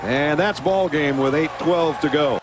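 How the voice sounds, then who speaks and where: Male play-by-play caller, animated and high, live football broadcast in a very noisy stadium. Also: a little slow, a crowd in the background. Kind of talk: live sports commentary.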